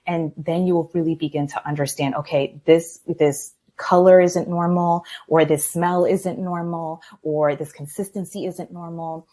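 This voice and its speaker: A woman in her thirties with a low voice, talking as a guest in a relaxed podcast interview. She is candid and reflective and laughs easily. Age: 30s. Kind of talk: casual interview talk.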